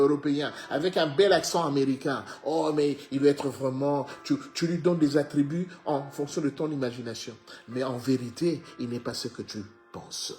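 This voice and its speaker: French-speaking man preaching over faint music. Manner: swings from loud exhortation to low hushed phrases; repeats words and restarts often. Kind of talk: sermon.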